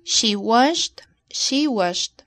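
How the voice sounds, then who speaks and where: A woman co-hosting an English lesson, reading model answers in a careful, deliberate way. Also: a little high, expressive, a bit bright. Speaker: co-host answering the teacher's questions. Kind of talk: scripted bilingual lesson dialogue.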